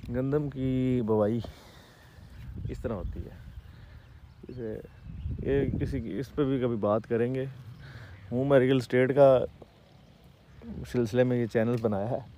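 A man's voice: medium pitch, warm tone, a little hiss or hum. A man in his thirties with a Pakistani Punjabi accent, chatting and explaining as he walks through farm fields, filmed on a phone at arm's length. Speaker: real estate vlogger. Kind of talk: walking vlog with commentary. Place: outdoors in open farm fields. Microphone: phone camera held at arm's length.

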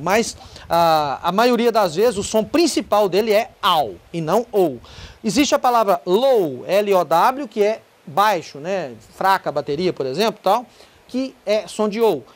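A middle-aged Brazilian man gives a relaxed English pronunciation lesson. He explains step by step, says each example word slowly and repeats it several times. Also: sits high. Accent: Brazilian Portuguese. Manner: explains patiently, then sings short song lines with a guitar. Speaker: English teacher. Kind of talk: casual video lesson.

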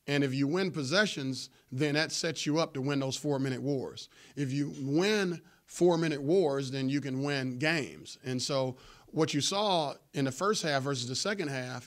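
A man in his forties, a head coach answering postgame press questions in a measured, explanatory way with frequent fillers, seated at a table microphone in a press room. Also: medium pitch. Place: press room before a sponsor backdrop. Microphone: table microphone in front of him.

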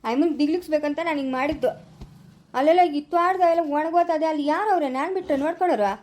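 A woman's voice: high-pitched, very fast, a little mellow, close to an everyday voice. A woman playing a stubborn young male farmer and father in a rural family drama. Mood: insistent.

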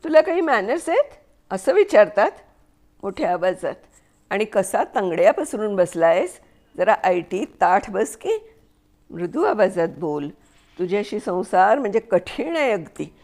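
A woman voicing a sharp-tongued young wife who scolds loudly in a high voice. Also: sing-song, measured pace, exaggerated voice. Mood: scolding. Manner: high, loud and nagging.

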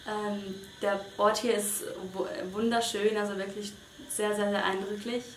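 A woman's voice: mid-range voice, little pitch movement, measured pace. Hesitant young woman, echoey room. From Switzerland. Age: young adult. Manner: hesitant, many fillers and restarts. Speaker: volunteer interviewee. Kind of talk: casual interview answers. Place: small bedroom indoors. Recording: echoey room with faint noise.

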